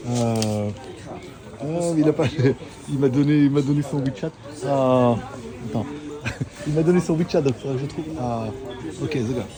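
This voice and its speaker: A man's voice: mid-range voice, moderate pace, pauses often, crowd noise. A man vlogging casually while walking through an electronics market, rambling, laughing often and swearing. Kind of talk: casual walk-and-talk vlog. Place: busy electronics market, indoors. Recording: noisy market ambience.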